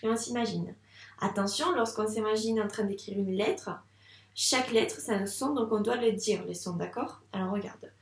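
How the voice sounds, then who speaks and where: A woman teaching a first-grade handwriting lesson, speaking slowly and patiently and encouraging the child directly. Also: medium pitch, roomy sound, far from the mic.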